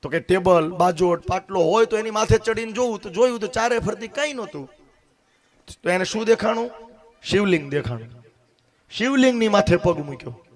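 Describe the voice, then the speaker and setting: A man's voice: high-pitched, expressive, normal speed. A man preaching a devotional story sermon, acting out the dialogue and speaking straight to his listeners. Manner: dramatic, acts out dialogue, addresses listeners directly. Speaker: katha storyteller.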